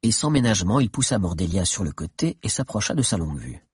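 Male narrator, husky, lively pitch, close dry recording. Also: fast, no room sound. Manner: expressive, lively storytelling. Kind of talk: audiobook narration.

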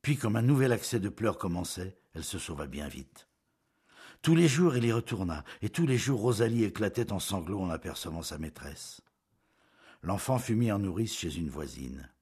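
A man narrating a classic novel as an audiobook in a measured, expressive storytelling manner. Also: sits low, slightly rough.

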